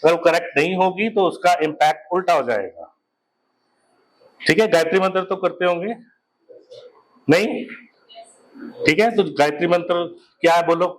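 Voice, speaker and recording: A man's voice: high-pitched, a little hiss or hum, low-quality recording. A male teacher lecturing a class, switching between Hindi and English and spelling out key words for his students to write down. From India. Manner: mixes Hindi and English, slows right down to dictate and spell out words. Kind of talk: classroom lecture, dictating notes.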